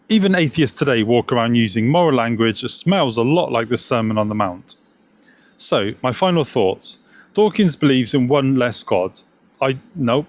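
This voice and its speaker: Man, scripted commentary, sarcastic, jokey asides, mid-pitched voice.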